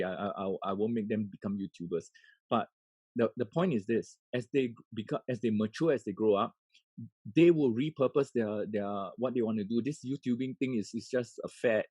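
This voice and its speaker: A man's voice: fairly low pitch, warm tone, slightly rough, no echo, poor audio. A man, an education coach giving an earnest webinar talk. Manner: earnest, with many fillers and restarts.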